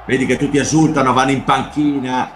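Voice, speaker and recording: A middle-aged man from Italy chatting casually and commenting on football highlights in an animated, repetitive way over a video call. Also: fairly quick, background noise. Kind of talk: casual chat and informal match commentary. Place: home room, video call. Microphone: computer microphone on a video call.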